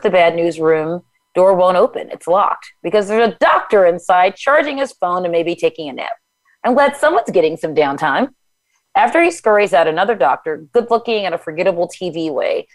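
A woman's voice: fairly low pitch, no echo, rough recording. A woman reading her own first-person memoir aloud, then talking it over in chatty conversation full of fillers. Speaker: author and guest.

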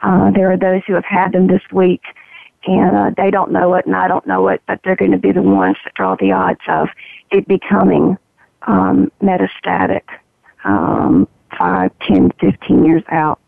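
A woman with a gravelly, froggy, medication-roughened voice gives a candid, reflective personal account as an interview guest, in halting phrases. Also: medium pitch, little pitch movement, no echo. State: voice roughened by morphine. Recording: narrow, tinny phone-line sound.

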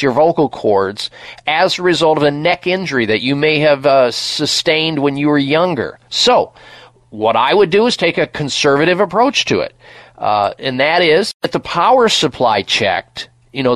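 A man with a fairly high voice hosts a radio health show. His pitch swings all over as he pitches products and answers callers. The sound is close and dry. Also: no room sound. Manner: lively, salesy, advising. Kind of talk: radio call-in show and live ad read.

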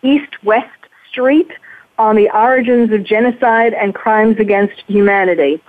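A woman's voice: on the high side, a little slow. Woman host on a tinny phone line. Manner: hesitant, restarts a lot. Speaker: psychiatrist radio host. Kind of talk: interview chat.

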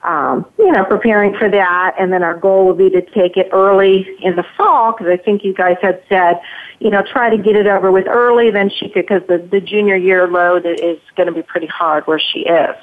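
Middle-aged woman caller on a phone line, mid-pitched, rambling with ums. Thin phone-band sound. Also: fairly even intonation, normal speed. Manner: chatty, many fillers and restarts. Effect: heard over a phone line.

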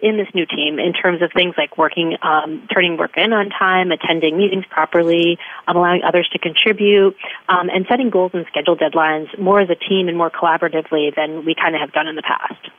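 Brief: radio call-in woman, low-ish voice over a thin, dry phone line, earnest and full of ums. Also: dry recording. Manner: earnest, frequent "um" fillers. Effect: heard over a phone line on a radio show. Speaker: radio show caller. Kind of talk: call-in question to a host.

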